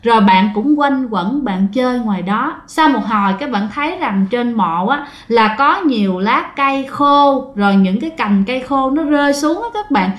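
A woman's voice: a little high, animated, normal speed, hardly any pauses. A woman telling a ghost story to her listeners in a conversational way, often turning to them directly. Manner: conversational, addresses listeners often, acts out the family's lines. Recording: echoey room.

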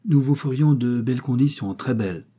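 A smug young shop clerk, as a male reader puts him on, fussy and pompous, full of overly polite salesman talk. The voice stays dark and somewhat husky. It sounds like a storybook reading. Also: medium pitch, fairly quick, pitched above the performer's own voice, natural voice.

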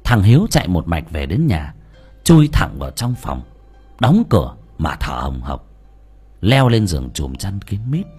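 A man narrating a folk ghost story in a lively, colloquial, dramatic way. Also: low voice, a little slow, breathy edge, soft background music. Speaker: audiobook narrator.

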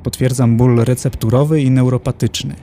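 A man's voice: mid-range voice, steady tone, a little fast, mellow, slight background noise, natural voice. A man playing a formal, clinical dignitary of hell who lists tortures in a horror audiobook.

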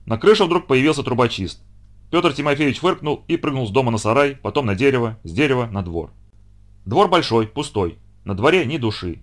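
A man reading a children's story aloud with expressive, dramatic narration. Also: mid-range voice.

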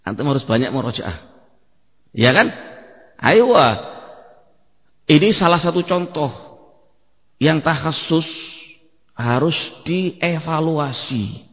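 A male Indonesian-accented teacher drills his students on grammar, firing questions and correcting their answers with Arabic phrases woven in. His voice sits fairly high for a man and rings with a long reverb through a mosque hall, captured on a dull, lo-fi recording. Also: expressive, slow pace, pauses often. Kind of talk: classroom lesson with quizzing of students.

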